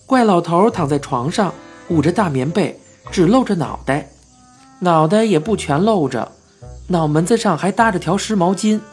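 Lively children's story narrator over soft music. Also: medium pitch, normal speed. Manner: lively, expressive storytelling in a child's first-person voice. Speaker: audiobook narrator. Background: faint background music.

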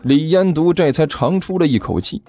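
A man narrating an audiobook in an animated storytelling manner. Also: on the high side, normal speed, slightly rough, faint music behind.

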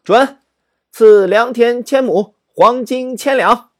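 A man voicing a shrewd ancient emperor who speaks slowly and sighs. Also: fairly high pitch, lively intonation, no room sound, clean studio sound, lightly acted. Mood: pleased. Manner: slow, drawn-out sighing delivery. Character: scheming ancient male emperor, weary and shrewd.

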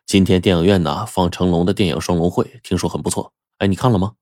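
A man's voice: low-pitched, fast talker, a little mellow, dry recording, studio quality, lightly acted. A man voicing a middle-aged male factory director who talks in a coaxing, insistent way.

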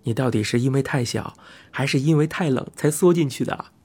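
A man's voice: medium pitch, brisk, darkish tone, breathy edge. A man voicing a playful, teasing young man.

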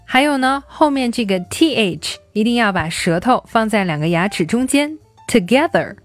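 A woman teaching young children simple English phrases, explaining words and repeating them slowly for practice. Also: on the high side, expressive, soft background music. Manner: slow, drilled repetition of English words.

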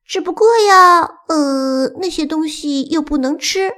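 女人扮演的哼哼唧唧的小黑白猫. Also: female voice, high-pitched, a little slow, pushed and bright, pitched above the performer's own voice. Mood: whiny.

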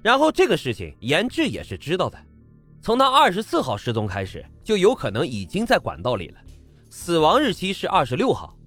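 A male true crime narrator with a slightly high voice. His delivery is highly animated, rising and falling sharply as he tells the story in a colloquial way and poses rhetorical questions. Faint music plays behind him. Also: brisk. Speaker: true crime podcast host.

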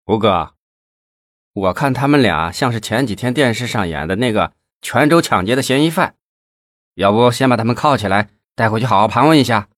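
A man's voice: medium pitch, animated, fairly quick, dry recording, studio quality, close to an everyday voice. A man voicing a drunk, crude, bullying male thug in a storybook reading. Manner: swaggering, mocking, crude.

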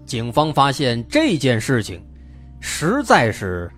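Animated Mainland Mandarin male true crime narrator. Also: medium pitch, takes it slowly. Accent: Mainland Chinese Mandarin. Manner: suspenseful storyteller with colloquial asides. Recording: music bed behind the voice.

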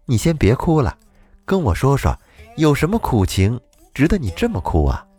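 A man's voice: medium pitch, wildly swooping pitch, moderate pace, warm tone, slightly rough. A man doing a playful young fairy maiden. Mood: gentle. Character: young woman in her twenties, kind and playful fairy.

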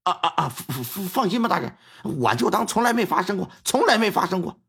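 Storyteller as a cringing, stammering underling, husky tone. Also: male voice, high-pitched, big pitch swings, brisk, a bit bright, heavily acted. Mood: nervous. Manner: stammering, obsequious. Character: fawning male underling, nervous and stammering.

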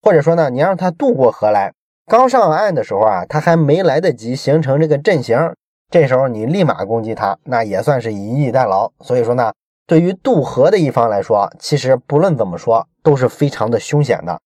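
A man's voice: mid-range voice, very animated, fairly quick, darkish tone, dry recording. A man explaining a book in a chatty storytelling way, with many rhetorical questions to the listener. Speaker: book commentator.

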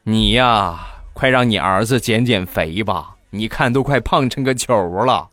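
A man voicing a grown male neighbor who slowly and mockingly complains to a father. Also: fairly low pitch, a bit bright, no room sound.

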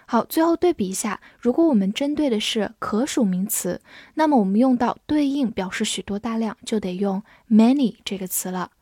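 Slow, careful woman spelling English words. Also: fairly high pitch, animated, mellow, dry recording, studio quality. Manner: spells words letter by letter and reads slowly. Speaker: English vocabulary teacher. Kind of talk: scripted vocabulary lesson.

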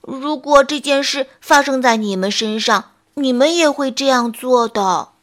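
A woman voicing a clumsy, worried young male bear in a bedtime story, speaking slowly and haltingly. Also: high-pitched. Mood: anxious. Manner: slow, halting and fretful.

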